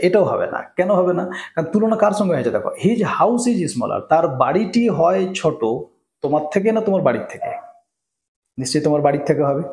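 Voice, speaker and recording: A man teaching English grammar for exam preparation, explaining each option step by step, often checking in with "right?", and reading example sentences slowly. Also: fairly high pitch, a little mellow, echoey room. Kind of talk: exam-prep grammar lesson.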